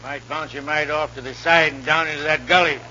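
A jittery outlaw sidekick. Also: male voice, on the high side, fairly even intonation, a little fast, bright, forceful tone, slight background noise. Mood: worried. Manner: anxious, questioning, western slang. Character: nervous male outlaw sidekick, worrying. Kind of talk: 1940s radio acting. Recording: muffled old radio recording.

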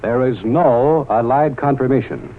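A man reading a formal wartime radio news bulletin in a measured announcer delivery, with the sound of an old newsreel broadcast. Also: mid-range voice, a little hiss or hum. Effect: old newsreel-style radio broadcast sound. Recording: tinny, narrow-band 1940s radio broadcast.

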